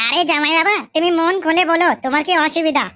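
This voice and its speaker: Flirty cartoon mother-in-law, coaxing, bright and fast woman voicing. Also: very high voice, dry recording. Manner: coaxing, sweet-talking. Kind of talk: comic cartoon voice acting.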